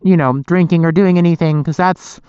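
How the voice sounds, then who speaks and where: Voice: mid-range voice, steady tone, brisk, a little mellow, clean tone, no room sound. Young vlogger talking inside a helmet, muffled. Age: young adult. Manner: meandering, self-interrupting, mild swearing. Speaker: motorcycle vlogger. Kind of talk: casual rambling vlog chat. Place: inside a helmet, outdoors at night. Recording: dull, muffled close helmet mic.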